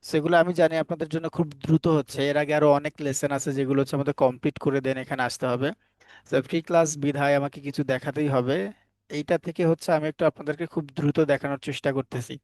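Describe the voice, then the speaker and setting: A man's voice: on the high side, fairly even intonation, fast, darkish tone, no room sound. Questioning, spelling-out male phonics teacher. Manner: asks the class questions and answers them himself; spells words out sound by sound. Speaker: English teacher. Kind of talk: phonics lesson for Bengali learners.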